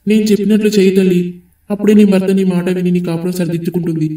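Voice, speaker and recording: A man voicing a benevolent cartoon god, who comforts a distressed devotee in a soothing, fatherly way. The voice is high, mellow and quick. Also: fairly even intonation, reverberant, far from the mic, lightly acted.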